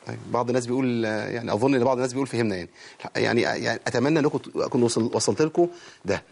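A man's voice: mid-range voice, racing, vocal fry, a little mellow, husky. A man with an Egyptian accent teaching Quran recitation rules. He often asks a question and answers it himself, and he demonstrates the sounds as he goes. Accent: Egyptian Arabic. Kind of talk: lecture on recitation.

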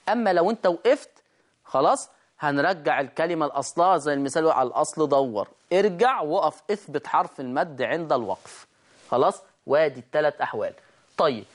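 Speaking with an Egyptian accent and a voice on the high side, a man leads an online tajweed class on the fundamentals of reciting the Quran. Each rule is shown by drawing out verses in a slow chant, and he explains step by step, repeatedly checking understanding with "right?"

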